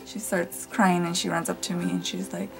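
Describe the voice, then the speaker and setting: Raspy, gravelly-voiced young woman chatting. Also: on the low side, flat delivery, moderate pace, over music, rough recording. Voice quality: raspy from just waking up. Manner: rambling, chatty, with small laughs and fillers. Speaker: beauty vlogger. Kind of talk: casual get-ready-with-me chat. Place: home room with family nearby.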